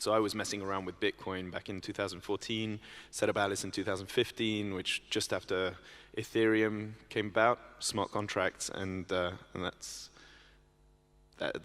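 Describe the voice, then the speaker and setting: Low-voiced man, hesitant panelist. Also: a bit bright. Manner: hesitant, many restarts and ums. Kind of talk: conference panel discussion. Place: conference stage. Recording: reverberant conference hall.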